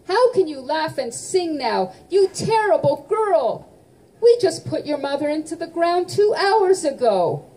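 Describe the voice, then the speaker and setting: A harsh old aunt who sounds like a witch, as a woman reading a story puts her on. She scolds in a shrill voice, pitched high and stretched out slow. Her tone is stern and disapproving. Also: very animated, dark tone. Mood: scolding.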